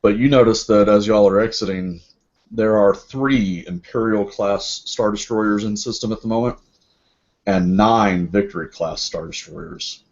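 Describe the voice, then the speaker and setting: A man narrating as game master in a tabletop role-play, relaxed and musing, with many fillers and restarts. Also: lowish voice, unhurried. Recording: dull lo-fi group recording.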